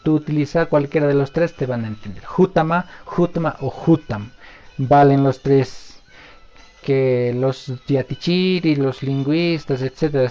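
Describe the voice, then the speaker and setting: A man teaching a live online language lesson, answering questions patiently and stretching out example words slowly, with many pauses. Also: on the high side, a little mellow, muffled recording.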